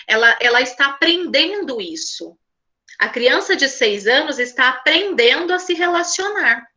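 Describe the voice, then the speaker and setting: A woman educator talks to a group of parents in a high, bright, lively voice. She keeps it conversational and checks in with frequent little tag questions. Now and then she acts out a child's words in her examples. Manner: conversational, asks "né?" often. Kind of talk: talk at a parents' school session.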